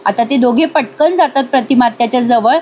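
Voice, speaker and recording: A woman's voice: a little fast, darkish tone. Chatty woman narrating a TV recap. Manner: chatty, addresses viewers, switches into characters' lines with raised pitch. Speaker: serial review narrator. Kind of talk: voice-over episode recap, acting out dialogue.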